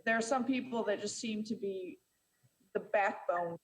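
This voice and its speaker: This low-quality recording captures a woman presiding over a city council meeting in a mid-range voice. She speaks measuredly but often restarts and uses fillers.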